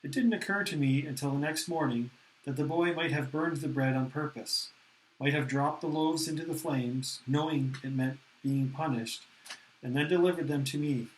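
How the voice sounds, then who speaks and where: A man narrating a novel aloud in the first person, with a steady, earnest reading manner. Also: a little high, moderate pace, poor audio.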